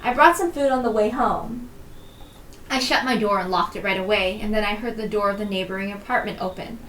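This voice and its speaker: A woman reads a story aloud on her stream, casual and a little self-conscious. Her voice is medium-pitched and fairly bright, her pace fairly quick. The room recording is roomy, from a distant mic with faint noise.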